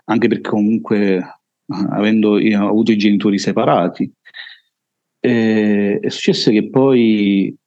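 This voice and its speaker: A man with a Neapolitan accent shares a personal testimony in a deep, full voice. The tone is dark and relaxed, and the delivery is halting. The sound is close and dry, a little dull. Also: no room sound. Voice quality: heavy, full voice. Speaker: interview guest.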